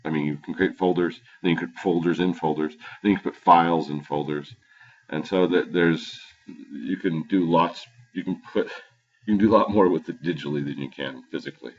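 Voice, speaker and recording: A male teacher at home giving a halting screen-recorded computer tutorial with frequent fillers and restarts, recorded on his computer's low-quality built-in microphone. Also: fairly even intonation. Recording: dull lo-fi built-in computer mic.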